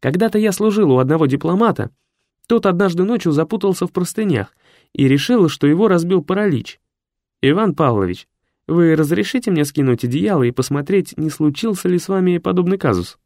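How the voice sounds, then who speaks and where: A man's voice: a little high, expressive, fairly quick, a little mellow, no echo, pitched above the performer's own voice. A deferential, fussy secretary figure, put on by a male narrator in a raised register. He speaks in a formal, courteous way with a touch of know-it-all. The sound is dry and close, with no room around it. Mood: prim, courteous.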